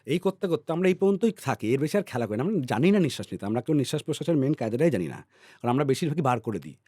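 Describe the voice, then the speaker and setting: A man talks through ideas like a patient teacher, often stopping to ask if his listener is following. His voice sits at an average pitch and sounds close and dry, with no room echo. He repeats words and lets them fade away softly. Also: big pitch swings, very fast. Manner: teacherly, checks in with "all right?" often. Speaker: podcast guest. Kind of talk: explanatory podcast talk.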